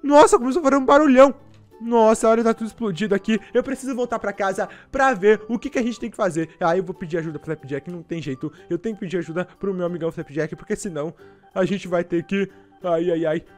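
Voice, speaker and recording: A man with a Brazilian Portuguese accent doing playful gameplay commentary, excitable and sighing often as he talks to his viewers. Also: sits high, fast, faint music behind. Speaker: gaming YouTuber.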